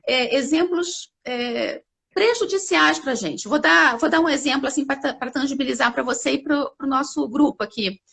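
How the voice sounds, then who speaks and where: A woman speaking as a company CEO guest in a live interview, explaining ideas with animated examples. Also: sits high, gravelly, husky. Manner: animated, acts out examples with lively voices.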